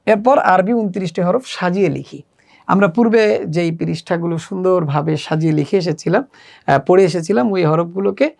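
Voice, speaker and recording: Gravelly-voiced male teacher explaining lessons. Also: sits high. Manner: measured, explanatory, with frequent "ah" fillers. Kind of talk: instructional walkthrough for teachers.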